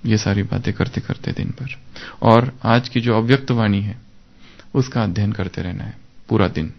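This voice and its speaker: Gravelly-voiced man teaching a devotional class. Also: on the low side, moderate pace, dull audio. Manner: animated, acts out inner self-talk. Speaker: spiritual teacher.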